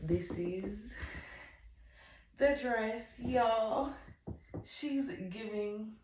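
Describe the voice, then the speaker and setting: Speaking extremely slowly over background noise, a young woman with a slightly high voice vlogs in casual chat. A head cold makes her sound nasal, and she's chatty and upbeat, with plenty of fillers.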